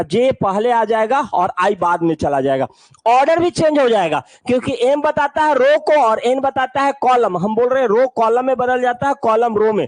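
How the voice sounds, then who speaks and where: A man's voice: very high-pitched, dry recording, poor audio. A man teaching an online maths class in a playful way. He keeps telling students to look carefully and asks the class questions.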